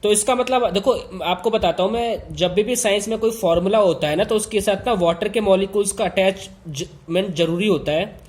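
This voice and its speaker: A male teacher talks his students through a lesson in an easy, informal way. His voice sits fairly high for a man, and he presses key points by repeating them and straight to the class. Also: normal speed. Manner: repetitive, emphatic, addresses students directly.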